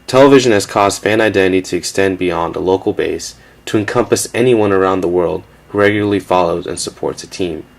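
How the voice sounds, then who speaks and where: A man giving a measured, factual scripted narration for a documentary. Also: low voice, creaky.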